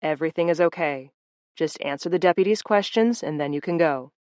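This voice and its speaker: A woman reading aloud voices a calm man speaking slowly and clearly to soothe someone. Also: low voice, no room sound, close to an everyday voice. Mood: coaxing. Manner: slow, clear, coaxing. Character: calm man casting a soothing memory spell.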